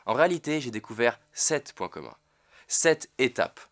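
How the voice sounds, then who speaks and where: A man's voice: medium pitch, very animated, normal speed, a bit bright. A young man presenting a confidence course, speaking earnestly to the viewer and asking rhetorical questions. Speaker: confidence coach.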